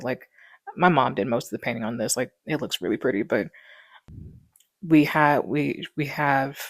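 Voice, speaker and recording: This is a female vlogger in her twenties having a relaxed, rambling chat at home, leaning on lots of fillers. A wireless clip mic records her rumbling low voice with no room sound.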